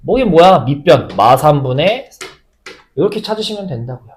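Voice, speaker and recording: A man teaching a high school math lesson, often asking the class questions and then answering them himself. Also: big pitch swings, normal speed.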